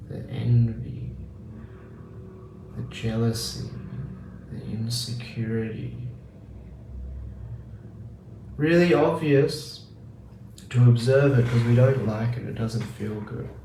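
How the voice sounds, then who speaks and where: A man giving a casual spiritual teaching talk on meditation, acting out the mind's inner voice in quick asides. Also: lowish voice, fairly even intonation, dark tone. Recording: roomy, distant mic with faint noise.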